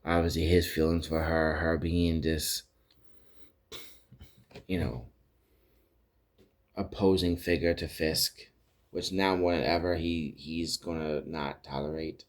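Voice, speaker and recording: Recapping TV episodes on his podcast, a man with a rumbling low voice speaks slowly and steadily, pausing often. His casual retelling wanders, restarts frequently and includes acted-out quotes.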